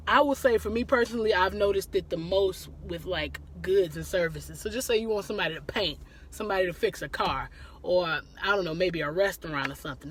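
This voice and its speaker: A woman's voice: mid-range voice, a little hiss or hum. A woman hosting a live stream, chatting casually with viewers, greeting them by name and laughing often, with a lilt.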